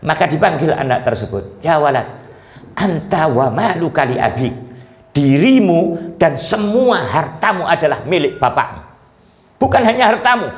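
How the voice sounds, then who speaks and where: A male preacher telling religious stories in a dramatic storytelling style, with a roomy echo. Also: fairly high pitch. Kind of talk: storytelling sermon.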